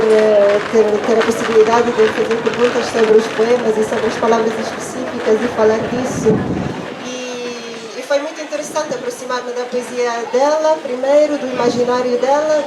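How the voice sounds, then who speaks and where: At a book fair in a public space, a young adult woman with a fairly high, very noisy voice speaks off the cuff about poetry at a book launch. Portuguese isn't her first language, so she talks hesitantly and thoughtfully, restarting often and using many fillers. The recording is echoey, with the mic far away and a loud crowd behind her.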